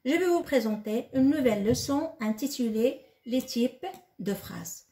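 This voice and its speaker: A woman's voice: high-pitched, expressive, mellow, roomy sound. A woman teaching a lesson to young children, asking questions and answering them herself. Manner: slow and repetitive, asks questions then answers them.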